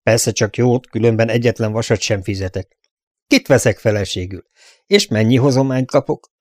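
A man voicing a cheerful young gentleman with a lively, teasing manner in an audiobook. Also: mid-range voice, no echo, studio quality, natural voice.

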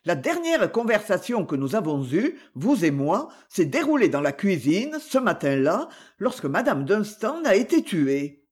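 Un homme qui lit un livre audio et prête une voix rauque à une femme de ménage mal habillée, hardie et provocante. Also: male voice, sits high, big pitch swings, unhurried, few pauses, full character voice. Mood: defiant. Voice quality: raspy. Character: shabby, hoarse charwoman, bold and defiant.

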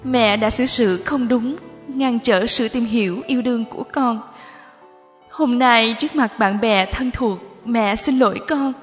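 A woman's voice: on the high side, a little slow, natural voice. A woman voicing a middle-aged mother who begs forgiveness in a choked, trembling voice, with background music under the reverb. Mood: pleading.

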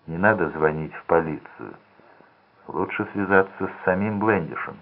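A man's voice: low voice, moderate pace. A man voicing a nervous small-time crook, urgent and edgy, in a tinny lo-fi recording. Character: anxious small-time male crook, young. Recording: tinny phone-like lo-fi sound.

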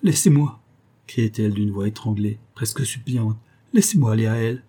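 A man's voice: lowish voice, steady tone, fairly quick, mellow, husky. A man reading an audiobook, voicing a frantic old woman innkeeper who pleads between sobs. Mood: frantic pleading. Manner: pleading, sobbing outbursts.

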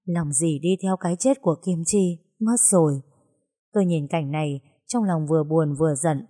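A woman narrating a story in an even storytelling manner. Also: low-pitched, moderate pace.

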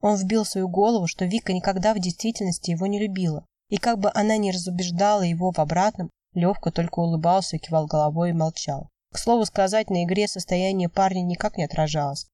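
A woman reading an audiobook in steady, even scripted narration. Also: lowish voice, fast, few pauses, no echo, studio quality, recorded from a distance.

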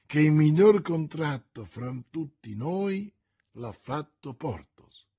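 A man voicing a calm, ironic musketeer who speaks in a low, dry, understated way. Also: takes it slowly, breathy edge, heavily acted. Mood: wry.

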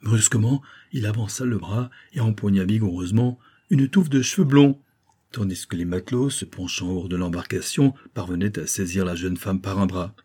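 A man reading a novel aloud in measured storytelling narration. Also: fairly low pitch, warm tone, slightly rough. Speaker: audiobook narrator. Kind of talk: scripted narration.

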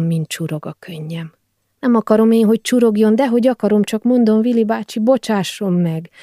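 A woman narrates a first-person novel in a hushed, confiding audiobook reading, sometimes sinking almost to a whisper. Her voice sits a little low and sounds mellow and warm. She is close-miked in a dry, deadened studio. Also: no room sound. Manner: quiet, intimate, confiding, drops at times to a near whisper.

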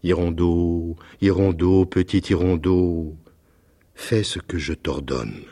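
Storybook: man playing a solemn, kindly statue prince, low, slow and sorrowful. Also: warm tone, full character voice. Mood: solemn command. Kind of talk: storybook reading.

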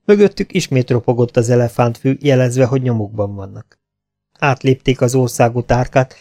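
A man narrating an adventure novel as an audiobook, in steady, plain storytelling. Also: medium pitch. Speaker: audiobook reader.

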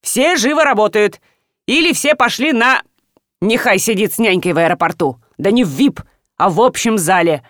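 A woman's voice: medium pitch, lively intonation, normal speed, no room sound, clean studio sound, close to an everyday voice. A woman voicing a furious, bossy wealthy father who barks orders at his household, in an audiobook. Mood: raging, commanding. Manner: shouting, barking orders. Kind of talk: audiobook character voice.

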